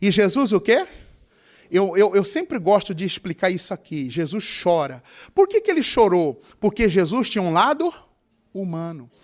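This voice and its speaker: A male pastor with a Mato Grosso Brazilian Portuguese accent, preaching with a high voice that leaps up and down. He fires questions at the congregation and slips into whiny, tearful voices to act out the people he talks about. His delivery is animated and theatrical. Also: normal speed. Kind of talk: sermon.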